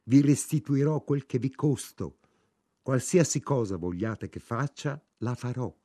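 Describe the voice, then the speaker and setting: A man's voice: medium pitch, expressive, measured pace, dark tone, no echo, clean studio sound, voice pushed up. A man reading aloud and voicing a hungry young drifter who pleads earnestly. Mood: pleading.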